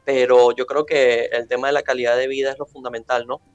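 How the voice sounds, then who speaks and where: A man speaks in a measured, formal way as an interview guest, often pausing on fillers. The sound is close and dry. A faint music bed sits behind him. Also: medium pitch, flat delivery, smooth, dry recording, muffled recording. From Venezuela. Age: 20s.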